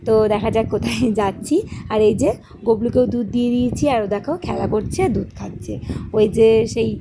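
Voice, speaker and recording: Woman, mother, family vlog host, higher voice, casual friendly chat, faint home ambience. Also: steady tone, moderate pace, vocal fry, background noise. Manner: talks to viewers as friends, coaxing her small children. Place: at home, bedroom then rooftop.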